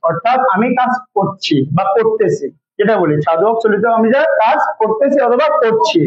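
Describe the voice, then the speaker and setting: A man's voice: high-pitched, expressive, moderate pace, lo-fi sound. A man teaching an English grammar lesson to a class, repeating each example and asking students to say it back with him. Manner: drills students with repeated call-and-response questions.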